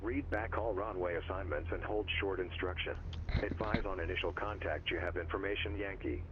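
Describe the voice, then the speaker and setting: A man reading an airport weather broadcast over a lo-fi radio, low-voiced and clipped. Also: brisk. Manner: monotone, clipped aviation phrasing. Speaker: automated airport information broadcast. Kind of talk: recorded ATIS readout. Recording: lo-fi radio with noise.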